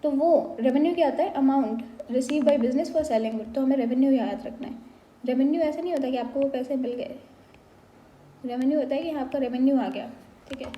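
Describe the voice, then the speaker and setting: A woman's voice: high-pitched, a little fast, warm tone, echoey room, low-quality recording. A woman teaching a lesson on basic accounting terms, walking through each one and mixing English phrases into her explanations. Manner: explanatory, slips between Hindi and English.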